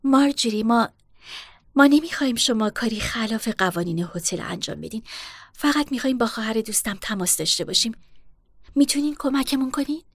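A woman voicing a calm, persuasive young woman in a storybook reading, polite and coaxing. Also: on the high side, no echo, clean studio sound. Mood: pleading, polite.

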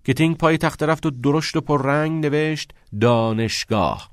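A man reading a novel aloud as an audiobook narrator, in measured storytelling. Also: on the high side, level tone, smooth, no echo, studio quality.

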